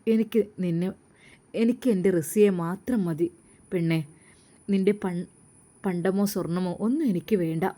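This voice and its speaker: A loving, earnest young husband from a storybook, voiced by a woman narrator. He speaks in long, gentle, heartfelt lines with a mellow tone. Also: fairly low pitch, measured pace, long pauses, lightly acted.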